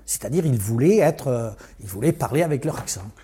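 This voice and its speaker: A man from southern France speaking in a conversational interview, reflective and animated, often restarting his sentences. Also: mid-range voice, a little fast, a little hiss or hum. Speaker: interview guest.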